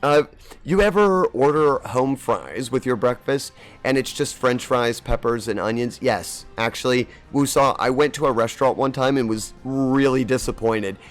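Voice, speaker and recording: With faint music in the background, this mid-range male voice moves at a moderate pace as he plays a game on stream and talks loosely with his audience. Seasonal allergies leave him slightly scratchy, and he wanders from topic to topic, warmly calling out chatters by name.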